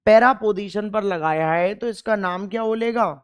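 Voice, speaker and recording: A man's voice: high voice, normal speed, clean tone. A young man teaching chemistry in an exam-focused lecture, emphatic, repeating key points and firing questions at the class.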